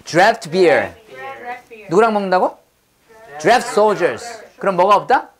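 Woman, vocabulary teacher, unhurried delivery, repeats words for the class to echo, corny pun jokes. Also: fairly low pitch, expressive. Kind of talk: classroom vocabulary drill lecture.

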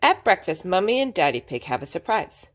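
A woman preschool teacher reading a picture book aloud to young children in an expressive, sing-song way. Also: lowish voice, brisk. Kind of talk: storybook read-aloud.

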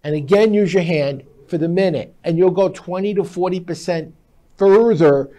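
A man in his sixties, a speed reading teacher appearing as a guest expert, speaks at normal speed in a high, warm voice. He explains emphatically and instructively in short declarative sentences. The studio interview takes place at a glass desk in a TV-style set, recorded on a lapel mic.

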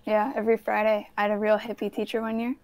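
A woman's voice: mid-range voice, level tone, fast talker, darkish tone. A woman chatting casually in a group. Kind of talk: casual chat.

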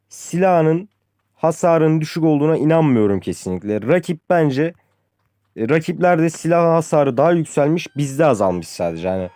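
This young man's voice is a little high and mellow, recorded with no echo. A gaming YouTuber, he gives casual commentary while frustratedly complaining about feeble weapons and losing games, treating viewers like friends and repeatedly saying "abi."

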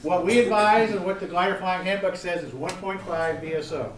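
A man's voice: high voice, a little fast. Middle-aged male instructor quizzing a room. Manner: quizzing the audience, emphatic repetition. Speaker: gliding safety instructor. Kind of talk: interactive seminar lecture. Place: seminar room. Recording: echoey room, distant mic, faint background noise.

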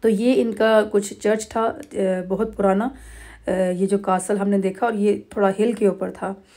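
A middle-aged woman from Pakistan, narrating a family holiday vlog over clips in a relaxed, rambling way with many pauses and fillers. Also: mid-range voice. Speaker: vlogger.

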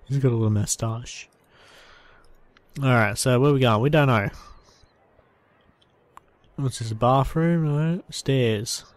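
A man's voice: medium pitch, slow, long pauses, no echo. Man rambling through gameplay commentary. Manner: rambling, reads on-screen text aloud. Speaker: gameplay reviewer.

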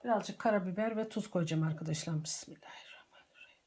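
A middle-aged woman hosting a home cooking tutorial from her kitchen, greeting viewers warmly as friends. She sounds slightly under the weather from a cold. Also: mid-range voice, a little fast. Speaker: cooking channel host.

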